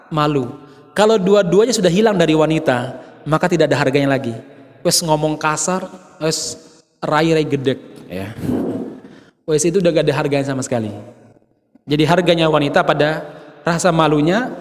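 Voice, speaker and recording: Male preacher, lively sermon with acted-out quotes, high voice. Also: long reverb tail. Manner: lively, joking with the audience, acts out quotes.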